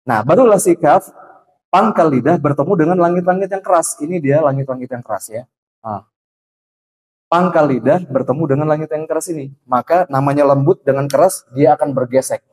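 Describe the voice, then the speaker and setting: A man's voice: on the high side, brisk, darkish tone, poor audio. A man teaching Quran recitation at a mosque study class, demonstrating letter sounds over and over and explaining them patiently.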